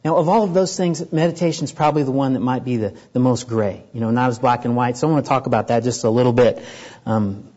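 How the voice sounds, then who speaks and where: A man preaching a sermon to a congregation, earnest and building up in pitch and volume to stress his points. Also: quick pace, a little mellow, highs cut off. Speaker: pastor.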